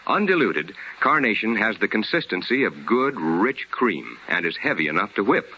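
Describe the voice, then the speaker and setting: Fairly low in pitch yet very animated, this voice moves at a moderate pace and sounds pushed, bright, and slightly rough. The speaker is an American radio host and sponsor announcer using an emphatic, scripted, polished 1950s style, on an old, dull broadcast with music.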